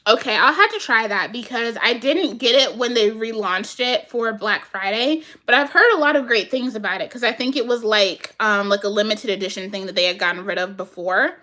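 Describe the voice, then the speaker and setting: Woman vlogger, kinda high voice, chatting w her viewers, laughs a lot, super animated. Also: a little fast, few pauses. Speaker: vlogger answering viewer comments. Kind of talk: casual chat with viewers.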